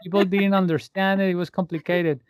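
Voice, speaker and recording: A Colombian musician with a Colombian accent is an interview guest, friendly and slipping into Spanish phrases. His voice sits high with fairly even intonation, brisk and clean-toned, in a dry recording.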